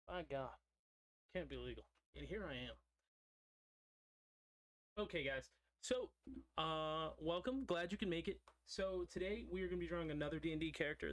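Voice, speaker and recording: A man's voice: medium pitch, fairly bright tone. A young man streaming while he draws, chatting casually and drifting into side stories. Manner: rambling, digressive storytelling. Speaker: streamer drawing a character.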